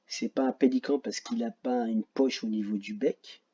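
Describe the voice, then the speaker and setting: A man with a French accent teaching a phonics lesson to children, slow and patient, repeating each word carefully and joking about his own memory. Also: medium pitch, fairly even intonation, warm tone, breathy edge, highs cut off.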